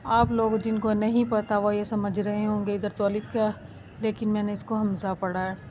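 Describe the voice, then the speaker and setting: A woman teaching Quran recitation step by step. She spells each word out slowly, one syllable at a time, and then explains it quickly. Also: mid-range voice, flat delivery, dark tone, a little hiss or hum.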